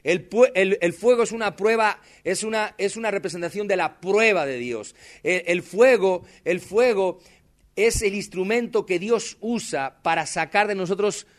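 A male pastor, preaching passionately in a high voice. He tells personal stories with dramatic emphasis and speaks straight to his congregation. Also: normal speed. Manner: impassioned preaching, addresses the congregation directly. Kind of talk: sermon.

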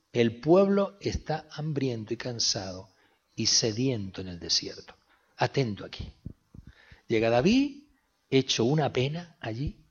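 A male preacher delivers a sermon with a very husky, breathy voice of middling pitch. He swings between emphatic, raised outbursts and quiet whispered lines. The recording is dull and lo-fi. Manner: dramatic swings from shouting to whispering.

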